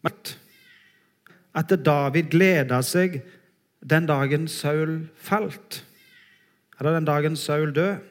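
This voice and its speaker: A man preaching a sermon in a church, earnest and emphatic, slowing down on his key phrases. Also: on the high side.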